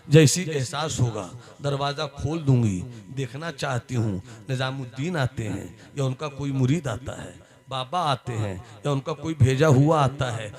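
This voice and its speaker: Dramatic slow-speaking male preacher. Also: mid-range voice. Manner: dramatic, swings from hushed to shouting. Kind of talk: devotional sermon storytelling.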